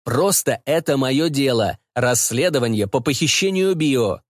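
Defensive, mumbling young detective read by a man in his own voice; lively delivery, dry close sound. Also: mid-range voice, measured pace, dry recording, close to an everyday voice. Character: flustered young male detective, evasive son.

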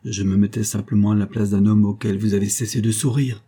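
A man reading aloud and voicing a suave baron with an ironic, smooth way of talking. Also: lowish voice, steady tone, a little fast, mellow.

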